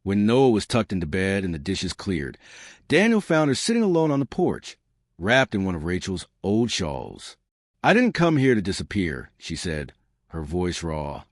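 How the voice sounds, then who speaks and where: A man narrating a scripted heartfelt story in a soft, measured, emotive way. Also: low voice, sing-song, dry recording, studio quality.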